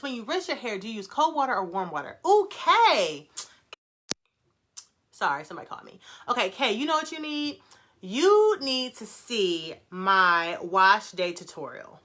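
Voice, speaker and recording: A middle-aged woman, hosting a casual live stream, talking fast and excitedly while answering viewer comments. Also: mid-range voice.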